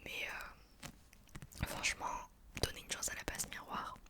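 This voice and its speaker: Girl doing asmr, soft breathy library whisper the whole time, chatty and informal like she's talking books. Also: takes it slowly. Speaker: ASMR book reviewer. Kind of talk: whispered ASMR chat, book review.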